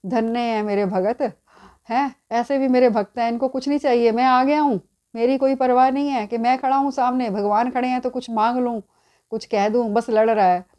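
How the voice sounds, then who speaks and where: A gentle male deity speaks fondly and with quiet amusement, as a woman storyteller voices him. The tone is warm and mellow, unhurried and tender. It is part of a spoken devotional tale. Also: fairly high pitch, steady tone, natural voice. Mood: affectionate.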